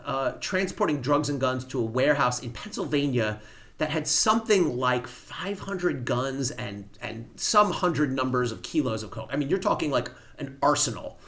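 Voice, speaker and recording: A man with a bright, forceful voice tells courtroom stories in a relaxed interview. He speaks plainly and vividly, with a steady middle pitch. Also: normal speed. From United States. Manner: vivid storyteller, plain-spoken. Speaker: former federal prosecutor, guest. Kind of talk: storytelling in a podcast interview.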